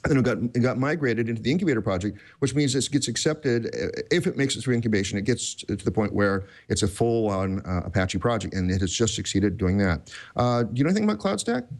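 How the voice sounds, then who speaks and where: A man's voice: lowish voice, expressive, fast. A man hosting a tech podcast in casual chat, rambling and self-deprecating, with many restarts. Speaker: podcast host.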